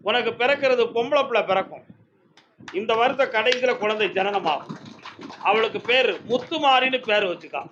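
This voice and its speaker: A man's voice: very high voice, moderate pace, fairly bright tone, dull audio, slight background noise. A man, speaking as a temple oracle into a microphone, commanding, scolding and reassuring devotees directly. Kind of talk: trance oracle pronouncements to devotees.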